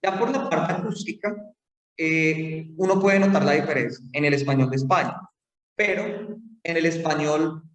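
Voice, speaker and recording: A man's voice: on the high side, moderate pace. A man giving a phonetics lecture, explaining step by step with fillers and check-in questions. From Colombia. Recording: roomy hall, mic far off.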